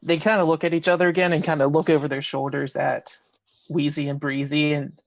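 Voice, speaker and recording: Game master telling the story casually, mid-pitched voice, really dry recording. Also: level tone, fairly quick, vocal fry, dry recording. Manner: conversational storytelling with casual hedges. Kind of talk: narrating a tabletop role-playing game.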